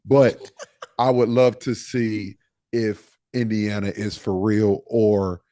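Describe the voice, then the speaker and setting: A man's voice: on the low side, little pitch movement, takes it slowly, dark tone, no echo, clean studio sound. A man co-hosting a podcast, talking basketball in a laid-back way and thinking aloud with fillers. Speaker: podcast co-host. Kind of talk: casual sports talk.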